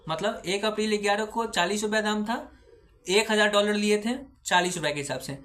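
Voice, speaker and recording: A man's voice: high-pitched, brisk, fairly bright tone. Man lecturing on accounting, question and answer. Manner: patient, repetitive teaching, poses questions and answers them; mixes English terms and phrases into his speech. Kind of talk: recorded lecture explaining an accounting standard.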